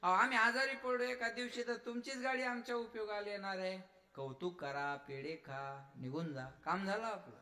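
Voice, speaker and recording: A man's voice: sits high, moderate pace. A man with a rural Vidarbha Marathi accent delivering a devotional kirtan sermon, telling stories, acting out voices and urging his listeners. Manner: animated storytelling, acts out voices, exhorts audience. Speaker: kirtan preacher.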